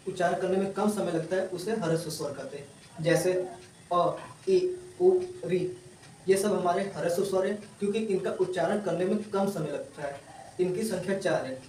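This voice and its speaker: Male tutor, high-pitched, sounding out letters slowly for students; echoey room. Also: a little mellow. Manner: slow, repeats definitions and sounds out letters one by one. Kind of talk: explaining a grammar lesson to students. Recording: roomy, distant mic, faint ambient noise.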